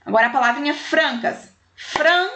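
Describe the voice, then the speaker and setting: A woman's voice: high-pitched, normal speed, highs cut off, noisy background. A woman teacher, taking young pupils through a primary school language exercise and counting syllables and letters aloud with affectionate diminutives.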